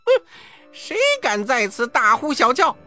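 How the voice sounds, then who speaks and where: A man voicing a brash, hot-tempered monkey king who shouts and boasts in a high, loud voice. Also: sing-song, measured pace, soft background music, heavily acted. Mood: furious.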